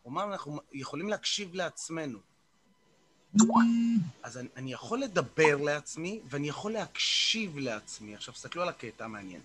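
A man runs a morning group session over a video call, coaching in a casual way and guiding a brief meditation. His voice sits on the high side, pushed and bright, and he tends to repeat words and fill gaps with "uh."

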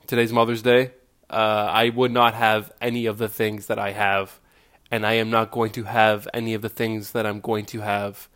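A man's voice: on the low side, fairly bright tone, clean tone. A young man hosting his own solo podcast, talking casually and self-deprecatingly, rambling with fillers. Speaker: podcast host.

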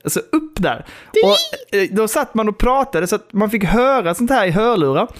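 A man co-hosting a podcast in casual chat, animated and fond of mimicking posh English. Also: sits high. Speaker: podcast co-host.

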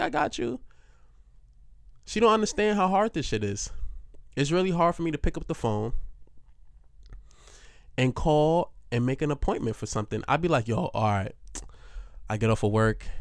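A man's voice: mid-range voice, smooth, no room sound. Young man, loose rambling chat, swears and laughs a lot, dry close mic. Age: young adult. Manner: rambling, profane, laughs often. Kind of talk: casual storytelling monologue.

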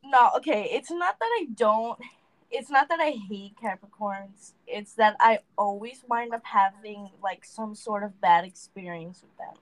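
A woman's voice: mid-range voice, unhurried, poor audio. A young woman co-hosting a podcast in casual chat, blunt and laughing a lot. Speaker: podcast co-host.

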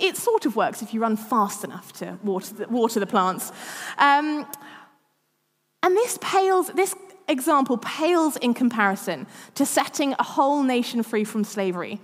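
A woman's voice: fairly high pitch, in a large hall. A woman in her thirties preaching a sermon, chatty and self-deprecating, often laughing at herself. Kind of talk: sermon with personal stories.

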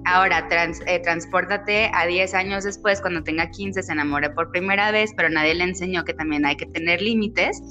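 A woman's voice: fairly low pitch, moderate pace, hardly any pauses, bright, forceful tone, soft background music. A woman talking earnestly, retelling conversations to explain her point. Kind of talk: casual chat.

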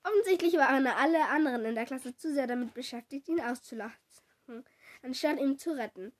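A woman slowly reading a children's storybook aloud, correcting small slips as she goes. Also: high-pitched. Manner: slow, deliberate reading with small self-corrections.

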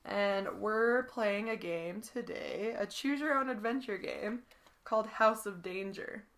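A woman's voice: medium pitch, unhurried, a bit bright. A young woman co-hosting a podcast, reading a board game story aloud with giggles and playful asides. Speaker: podcast co-host.

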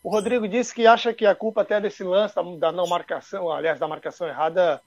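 A man's voice: sits high, steady tone, fast talker, dry recording, muffled recording. A man commenting in a casual football debate, explaining things by acting out imagined exchanges. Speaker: sports commentator.

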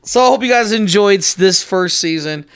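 A man's voice: sits high, animated, moderate pace, fairly bright tone, clean tone. A man co-hosting a podcast in casual chat, joking and swearing freely as he teases his friend. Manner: joking, profane, teasing. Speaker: podcast co-host.

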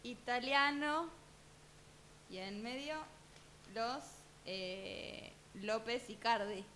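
A young woman with a Rioplatense Spanish accent, co-hosting a podcast as an animated, jokey storyteller. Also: a little high, drawn-out words. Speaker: podcast co-host. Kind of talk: casual chat. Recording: faint hiss.

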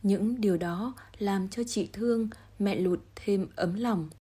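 A woman presenting a podcast, reading a scripted introduction in a calm, even manner. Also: medium pitch, takes it slowly, husky.

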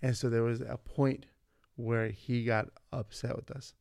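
This podcast guest is a Californian vice principal in his forties whose mid-range voice sounds gravelly and unhurried. He recounts stories casually and with energy, performing the quoted dialogue himself, with no room sound in the clip.

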